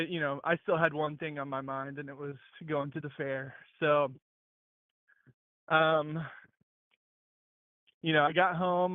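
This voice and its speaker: A man in his late twenties from Mississippi, calling in over a phone speaker and telling a long, rambling story while he walks, with many halting restarts. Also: a little high, dry recording. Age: late 20s. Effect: heard over a phone speaker. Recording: tinny dry phone line.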